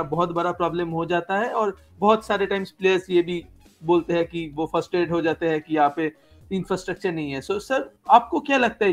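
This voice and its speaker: Polite male host with faint music. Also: high voice. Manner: polite, formal, addresses guest as sir. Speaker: podcast host. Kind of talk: interview questions.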